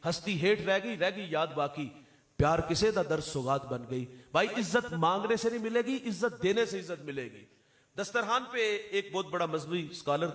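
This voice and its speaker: A male Islamic preacher giving a storytelling sermon, with dramatic pauses and verses recited in a slow lilt. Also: high voice, fairly bright tone.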